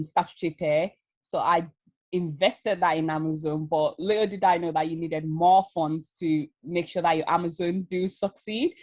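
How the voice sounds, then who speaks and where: Speaking fairly low on a dry recording, a woman from Leeds in her thirties shares her story as a guest on a casual video-call interview about her work as an Amazon seller. Her accent blends Yorkshire with Nigerian touches, and she is animated, laughing often and filling her speech with fillers.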